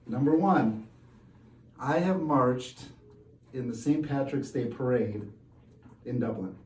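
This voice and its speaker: A man's voice: medium pitch, slow pace, darkish tone. A man chatting casually as a guest, hesitant with many fillers and restarts. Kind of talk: casual chat. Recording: echoey room from far off.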